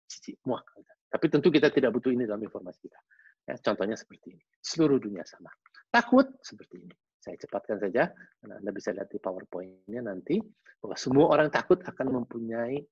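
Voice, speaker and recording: A man giving a lively webinar lecture, acting out facial expressions with casual slang asides. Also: mid-range voice, slightly rough, no echo. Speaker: behavioral analyst giving a webinar talk. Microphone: video call. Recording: dull lo-fi video call audio.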